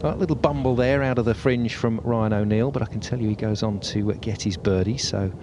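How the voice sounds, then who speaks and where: A man's voice: lowish voice, fairly quick, background noise. A man working as a golf commentator, describing tournament play as it happens.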